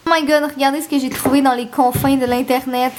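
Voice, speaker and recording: A woman's voice: sits high, darkish tone. A woman in her twenties from Quebec with a Québécois accent, chatting and telling stories in a giggly casual vlog manner. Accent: Québécois French. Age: 20s. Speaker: vlogger.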